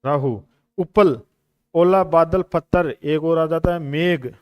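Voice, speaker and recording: A man leads a coaching lesson on questions, patiently repeating each answer for his students. His voice sits a little high and sounds smooth and clear. The room is dry and close to the mic. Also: takes it slowly, no room sound. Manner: explains patiently, repeats answers, addresses students as brothers and friends. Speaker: exam coaching teacher. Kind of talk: classroom lecture on Hindi exam questions.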